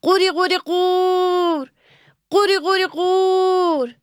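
A woman voicing a small, eager, cheerful pond frog who croaks in a sing-song chant. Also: extremely high pitch, fairly even intonation, no echo, studio quality, voice pushed up. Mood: cheerful croaking.

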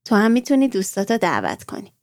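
A woman storyteller voicing a calm, kind mother who sews clothes, speaking gently and patiently. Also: mid-range voice, dry recording, studio quality. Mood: gentle.

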